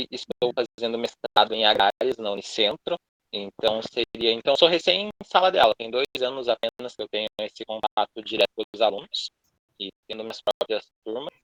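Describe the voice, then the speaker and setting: Young Brazilian teacher, earnest and hesitant, video-call intro, dry mic. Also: male voice, mid-range voice, a bit bright, no room sound, low-quality recording. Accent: Brazilian Portuguese. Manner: halting, restarts often, earnest. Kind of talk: online class introduction.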